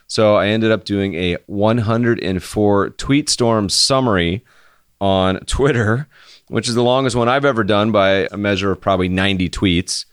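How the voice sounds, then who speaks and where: Deadpan, low-voiced American man hosting a podcast. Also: smooth, no room sound, studio quality. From United States. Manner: deadpan, monotone delivery; casual, conversational. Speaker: podcast host. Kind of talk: solo podcast monologue.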